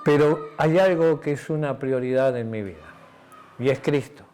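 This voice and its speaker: Lively Uruguayan pastor telling a story. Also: male voice, mid-range voice, moderate pace, a little hiss or hum. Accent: Uruguayan Spanish. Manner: lively storytelling, acts out quoted dialogue, frequent tag questions; drops to a quiet, intimate tone near the end. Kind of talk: sermon with personal anecdote.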